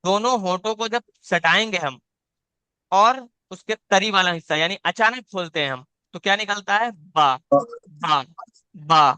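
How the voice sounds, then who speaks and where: Bright, clear-voiced male Quran teacher. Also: sits high, moderate pace, no room sound. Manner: patient, repeats points, demonstrates each sound aloud. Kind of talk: live online class, teaching letter sounds. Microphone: video call.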